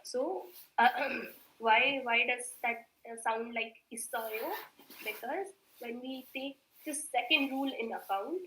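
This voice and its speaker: A woman teaching a Korean grammar class online, patient and repetitive, often clearing her throat and mixing in Hindi. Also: on the high side, sharp tone, reverberant, slight background noise, low-quality recording. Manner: patient, repeats words slowly, mixes in Hindi.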